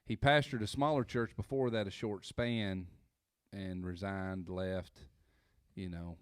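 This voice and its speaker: Low-voiced pastor. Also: male voice, steady tone, unhurried, clear, resonant tone, no room sound, clean studio sound. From South Central Kentucky. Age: 30s. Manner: easygoing, rambling, with fillers. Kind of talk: casual conversation. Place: indoor room by a window.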